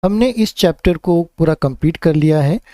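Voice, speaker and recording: A man's voice: on the high side, lively intonation, moderate pace, warm tone, no room sound. A male teacher giving a vocabulary lesson for children, spelling each word out letter by letter and then patiently explaining its meaning. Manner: patient, instructive tone addressing children.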